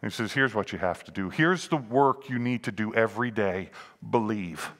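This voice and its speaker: Older male pastor preaching, lowish voice, long church hall reverb, goes loud then quiet. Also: moderate pace. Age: 60s. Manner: preaches with shifting volume, voices the grumbling crowd. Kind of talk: sermon. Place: church sanctuary.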